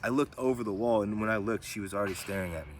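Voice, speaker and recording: Low-voiced man rambling through a testimony. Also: rapid-fire, a little hiss or hum. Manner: rambling, filler-heavy, keeps asking "right?". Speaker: vlogger. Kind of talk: personal testimony storytelling.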